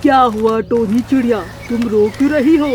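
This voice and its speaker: A woman playing a calm kindly parrot. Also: a little high, moderate pace, soft background music, natural voice. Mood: concerned. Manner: calm and reassuring.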